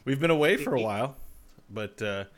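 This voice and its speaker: A man's voice: mid-range voice, expressive, a little fast. A man co-hosting a casual podcast over a remote call, rambling and laughing often. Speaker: podcast co-host.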